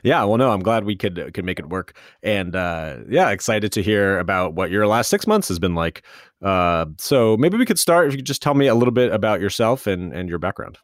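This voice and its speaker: Male interview host, conversational and rambling, lowish voice. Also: lively intonation, fairly quick, no echo, studio quality. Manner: chatty, rambling with self-restarts. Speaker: podcast host. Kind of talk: casual interview.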